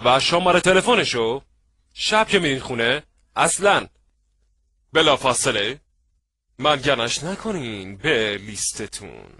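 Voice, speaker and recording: A man giving an animated seminar lecture on networking, acting out little scenes and checking that his audience follows. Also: mid-range voice, long pauses, slightly rough. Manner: lively, acts out little scenes, asks the audience if they follow. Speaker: networking trainer.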